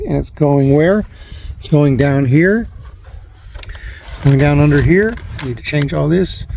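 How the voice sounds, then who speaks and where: His voice leans high and a little mellow as this vlogger rambles through a DIY installation, repeating himself while working in and around a parked van. Expect an informal, hands-on style and noisy handheld sound with clicks.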